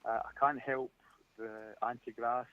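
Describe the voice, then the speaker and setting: A Scottish man in his forties speaks earnestly over a tinny phone line. His talk is opinionated and halting, full of restarts, with a dry sound and no room around it. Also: medium pitch, flat delivery, dry recording. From Scotland. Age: 40s. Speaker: caller. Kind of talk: phone-in chat. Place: calling in by phone.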